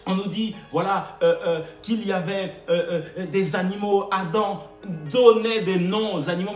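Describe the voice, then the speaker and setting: A man's voice: high voice, roomy sound. A man preaching a sermon with emphatic repeated refrains and frequent hesitations.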